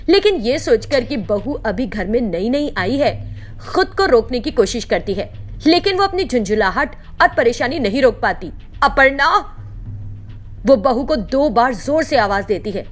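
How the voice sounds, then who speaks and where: Pitched somewhat high, a woman's voice reads out a scripted story for children with lively, expressive storytelling.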